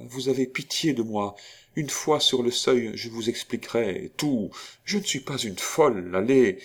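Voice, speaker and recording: A man's voice: mid-range voice, husky, pitched above the performer's own voice. Man putting on a pleading scheming young noblewoman. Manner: breathless, pleading, theatrical.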